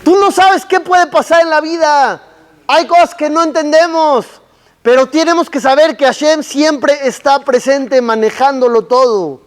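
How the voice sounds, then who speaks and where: A man, a rabbi, giving a sermon with slow, emphatic teaching and rhetorical questions. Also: very high-pitched, big-room sound.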